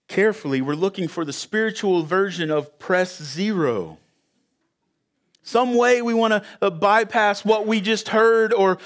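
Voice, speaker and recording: A man preaching a sermon to a church congregation, telling a story in an emphatic, conversational way with a few fillers. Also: high voice. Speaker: pastor. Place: church sanctuary with audience.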